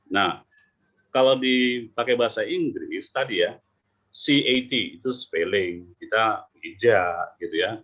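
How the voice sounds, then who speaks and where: A man coaching English pronunciation online, talking lively and sounding out letters and words over a video call. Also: medium pitch, husky. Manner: lively, demonstrating sounds aloud. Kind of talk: online teaching talk.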